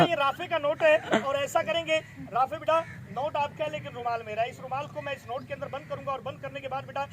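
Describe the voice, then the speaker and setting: A middle-aged man, performing magic tricks for schoolchildren outdoors, loud and showy, coaxing the kids along. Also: extremely high pitch. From Pakistan. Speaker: stage magician. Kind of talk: live magic show patter for schoolchildren. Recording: noisy outdoor crowd. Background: crowd of children and street noise.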